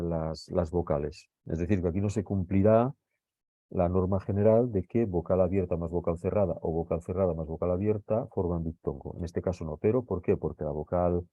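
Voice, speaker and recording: A man from Spain teaches a grammar lesson in a low, warm voice, patient and methodical, often pausing to ask if his students follow. The recording is dry and dull, with a lo-fi quality. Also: dry recording. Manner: patient, explains step by step with frequent checks like "¿eh?" and "¿vale?".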